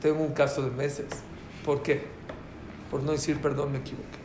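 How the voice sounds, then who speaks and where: A man giving an informal, joking talk to a live audience, repeating his key phrases in an animated way. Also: mid-range voice, moderate pace, echoey room, background noise.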